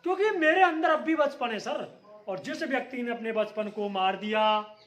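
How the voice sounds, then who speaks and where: A man with a very high-pitched voice gives a motivational speech. He fires off rhetorical questions and answers them himself with strong emphasis. The room around him is echoey. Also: lively intonation, moderate pace, a bit bright. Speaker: motivational speaker.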